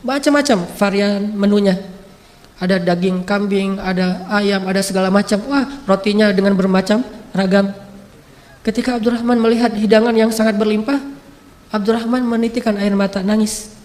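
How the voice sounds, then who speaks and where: A man preaching a sermon, telling stories in a casual, joking way and acting out short quotes. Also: sits high. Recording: long hall reverb.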